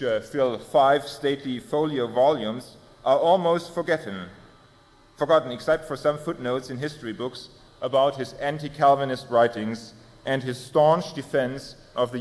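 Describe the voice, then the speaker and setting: A man presenting a theology paper, reading it aloud in a formal, measured way with small self-corrections. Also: medium pitch, darkish tone. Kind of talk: reading a prepared academic paper. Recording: long hall reverb.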